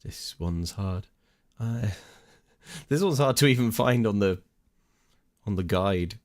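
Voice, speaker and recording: This streamer takes it slowly, his lowish, darkish voice staying expressive as he plays a mystery game. He offers casual commentary, talks to his chat, and makes jokes at his own expense.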